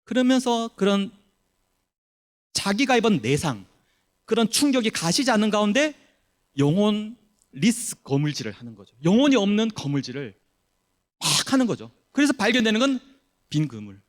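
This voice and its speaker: A male pastor preaching a sermon, animated, acting out the people he quotes. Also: sits high, normal speed, long pauses. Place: church sanctuary.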